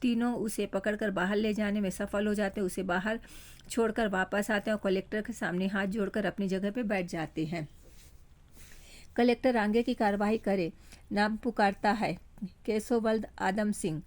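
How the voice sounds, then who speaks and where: A woman's voice: medium pitch, fairly even intonation, moderate pace, darkish tone. A woman teacher reading a play aloud to her students, narrating steadily and stopping to explain.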